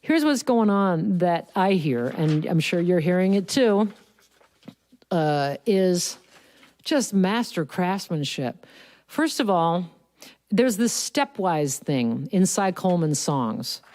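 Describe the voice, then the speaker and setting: Seated at a piano in a recording studio, a woman livestreams casual, enthusiastic talk about songwriting between songs, humming and singing bits of melody as demonstrations. Her fairly low, darkish voice swings widely in pitch and she takes her time. The piano is heard clearly behind her through the studio mic.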